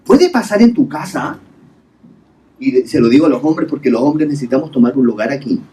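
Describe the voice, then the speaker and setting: A man's voice: medium pitch, expressive, fairly quick, warm tone, recorded from a distance, a little hiss or hum. A male pastor preaching a sermon in a hotel hall, asking the congregation rhetorical questions and mixing English terms into his talk.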